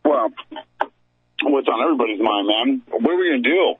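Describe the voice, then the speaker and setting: A man's voice: medium pitch, fairly quick, breathy edge, no echo. Man on a crackly, fading phone line. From Ohio. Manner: rambling, hesitant with many ums. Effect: crackly speakerphone line fading in and out. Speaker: caller. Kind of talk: call-in radio chat. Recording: tinny, dry phone line.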